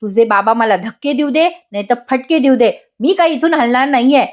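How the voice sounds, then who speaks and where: Panicky young husband, pleading , read by a woman, high voice. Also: a little fast, natural voice. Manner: frantic, pleading, dramatic.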